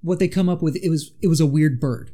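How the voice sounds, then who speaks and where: In a casual storytelling chat, a man co-hosting a podcast retells a monster legend and throws in dramatic asides. His voice is mellow and a little high, moving at a quick pace.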